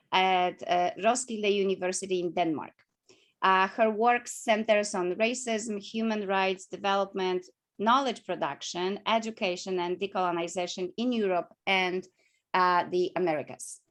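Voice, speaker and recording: A woman's voice: medium pitch, fairly bright tone. A woman moderating an online forum, reading a prepared introduction of a guest speaker with a few fillers. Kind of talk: formal introduction.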